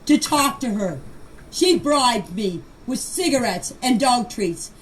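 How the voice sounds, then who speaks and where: An older woman tells an unscripted personal story in voice messages, speaking emphatically and defensively and repeating phrases to drive her point home. Her fairly high voice has lively intonation and a slow pace. The amateur voice-message clips are noisy.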